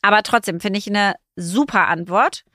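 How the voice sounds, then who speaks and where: Bright, emphatic woman podcast co-host. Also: medium pitch, no echo, studio quality. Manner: quick, emphatic, many agreeing fillers. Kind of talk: casual chat.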